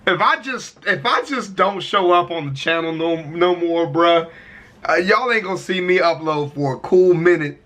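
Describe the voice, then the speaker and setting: Slangy guy doing casual video reactions, bright kinda high voice. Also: moderate pace. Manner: slangy, informal interjections.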